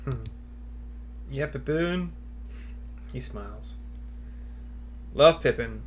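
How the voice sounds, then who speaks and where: This gaming streamer, a man with a mid-range, expressive voice, talks extremely slowly over a faint hiss or hum. He mutters informal, self-critical asides while playing a video game and voicing its dialogue.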